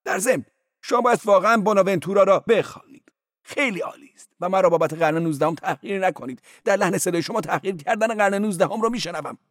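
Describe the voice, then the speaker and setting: A high, sing-song male church porter who giggles, gushes and preaches at whoever will listen, as a male reader puts him on. His voice swoops up and down with lively, lecturing delight. The audiobook sound is dry and close. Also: no room sound. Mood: sly, gleeful. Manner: giggling, effusive and sly, lecturing.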